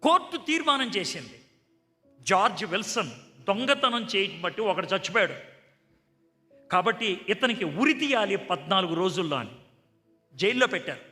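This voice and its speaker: Guy preaching, high bright voice, does the voices in his stories, echoey hall, soft music. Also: moderate pace, long pauses. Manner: animated, acts out dialogue in a conversational tone. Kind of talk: sermon with storytelling.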